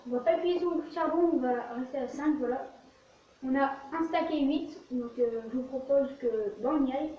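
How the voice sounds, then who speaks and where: A woman's voice: high voice, moderate pace. Woman, casual let's play host, short narrated fragments, heavy room echo, muffled distant recording. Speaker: gaming video host. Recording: very echoey, distant, muffled, faint noise.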